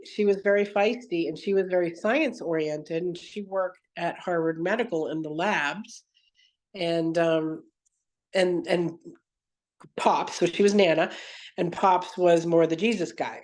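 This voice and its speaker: A woman appears as a podcast guest, recounting her story at length in an earnest, wandering way and frequently correcting herself partway through sentences. Her voice is fairly low and darkish, with a measured pace, in a conversational interview setting.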